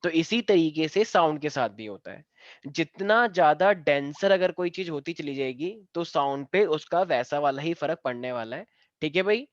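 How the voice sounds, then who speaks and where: A man's voice: on the high side, lively intonation, moderate pace, no echo, muffled recording. A man teaching a science class, explaining step by step and joking with his students. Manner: playful, joking and teasing students. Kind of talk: live online class lesson.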